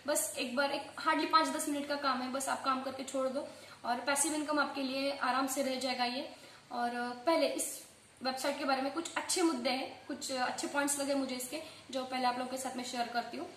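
A woman hosting an online earning tutorial, talking quickly and casually to her viewers and dropping English phrases into her speech. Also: high-pitched, steady tone, fairly bright tone. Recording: echoey room with faint background noise.

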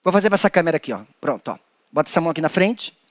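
A man with a Brazilian Portuguese accent leading a playful children's hand-play lesson, acting out animals with an animated manner. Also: racing, no echo. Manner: animated, playful, acts out creatures in squeaky high voices. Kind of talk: playful children's lesson with acted little voices.

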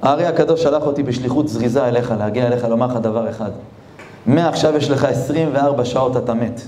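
A man voicing a grave synagogue beadle who flatly delivers a fatal decree. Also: medium pitch, reverberant, voice pushed down, lightly acted. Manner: grave, matter-of-fact.

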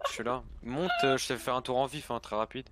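A man playing a police officer in an online role-play, talking in a hesitant, low-key way. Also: steady tone, quick pace, heavy background noise. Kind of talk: livestreamed game role-play.

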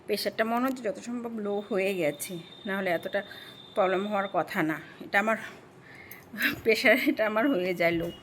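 A woman's voice: mid-range voice, moderate pace, slight background noise. A middle-aged woman, chatting in a rambling home vlog and addressing viewers as friends. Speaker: vlogger. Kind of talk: casual home vlog narration.

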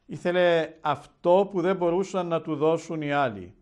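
A man, an Orthodox bishop, preaching a televised Gospel sermon in a measured, solemn storytelling manner. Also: on the high side, a little mellow.

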